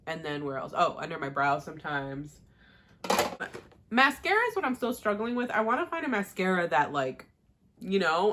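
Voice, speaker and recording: Young woman vlogger, bright and chatty, slightly low voice, rambling makeup chat. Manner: chatty, rambling, with fillers and laughs. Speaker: beauty vlogger. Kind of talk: casual makeup tutorial chat.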